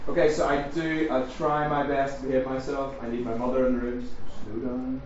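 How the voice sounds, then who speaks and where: At a faith and culture seminar, a middle-aged Northern Irish man gives a jokey, fast-paced talk to a live audience, full of ums and questions to the room. His voice is medium-pitched with little pitch movement. The large, echoey room makes the sound roomy, distant, and dull, with faint hiss.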